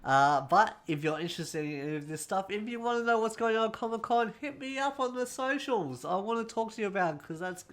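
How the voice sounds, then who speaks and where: Rambling quick-talking male gaming host. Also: sits high, a bit bright. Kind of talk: casual gaming news roundup.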